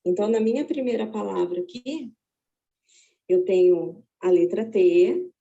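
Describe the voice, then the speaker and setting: A Brazilian woman teaching, walking slowly and methodically through a braille word activity and thinking aloud as she searches. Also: mid-range voice, creaky, dark tone, highs cut off. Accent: Brazilian Portuguese. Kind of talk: step-by-step spoken demonstration.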